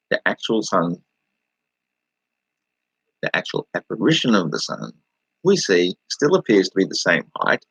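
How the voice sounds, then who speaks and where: Rambling Australian man, husky and lively. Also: sits low, no echo, rough recording. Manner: rambling, laughing, talking back to chat. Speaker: livestreamer answering chat. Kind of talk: casual livestream chat.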